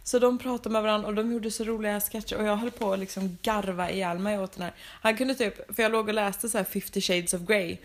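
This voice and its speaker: A young woman telling lively travel stories in casual chat, mixing in English phrases and laughing often. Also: medium pitch, few pauses.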